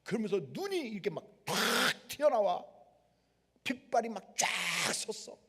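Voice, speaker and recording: A man's voice: high-pitched, normal speed, slightly rough. A male pastor preaching a sermon and telling stories vividly, acting out the people in them, in a large worship hall. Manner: animated storytelling, acting out the people in his story. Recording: long hall reverb.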